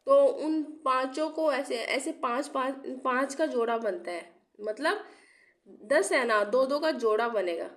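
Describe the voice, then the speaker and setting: A woman's voice: high voice, slow. A young woman teacher giving an exam-prep lecture while unwell and coughing now and then. She asks rhetorical questions, repeats key terms and checks in often. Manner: checks in often with "theek hai". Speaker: English literature teacher.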